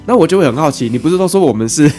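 A man with a Taiwanese Mandarin accent hosting a travel podcast in relaxed, conversational chat. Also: on the high side, racing, faint music behind. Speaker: podcast host.

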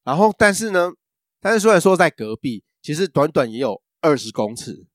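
A man's voice: fairly high pitch, sing-song, a little fast, no room sound, studio quality. A man, co-hosting a casual podcast chat and telling a rambling story full of fillers and restarts. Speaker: podcast co-host.

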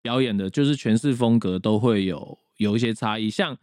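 A man co-hosting a podcast, explaining classical recordings in a relaxed, thinking-aloud way. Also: lowish voice, normal speed, no echo, studio quality. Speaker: podcast co-host. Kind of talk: casual chat on classical music.

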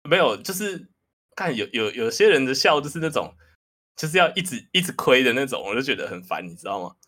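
A man's voice: medium pitch, very animated, a little fast, a bit bright. A man, hosting a podcast in casual chat, talking candidly and self-deprecatingly. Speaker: podcast host.

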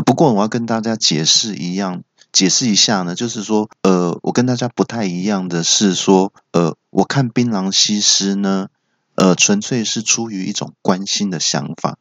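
A man from Taiwan, hosting a comedy podcast and telling self-mocking stories in a deadpan way. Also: low voice, normal speed, dry recording, muffled recording. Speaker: podcast host. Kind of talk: comedy monologue.

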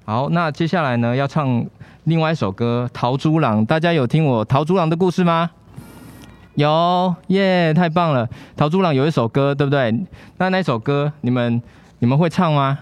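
A man's voice: on the high side, normal speed, clear, resonant tone. A man hosts a live children's podcast at an outdoor street event, cheerfully coaxing the children with questions. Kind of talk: live podcast chat with a young audience. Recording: live show with loud band music.

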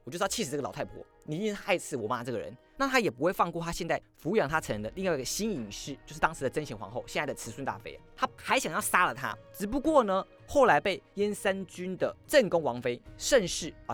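A man hosting a history podcast, telling the story in a lively, theatrical way. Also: on the high side. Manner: lively, acts out quoted lines in shifting voices. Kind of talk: animated storytelling monologue.

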